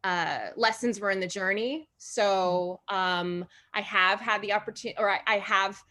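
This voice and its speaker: A woman's voice: medium pitch, unhurried, bright, forceful tone. A woman from Hawaii, a podcast guest, chatting casually with many fillers, restarts and frequent laughter. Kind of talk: casual interview chat.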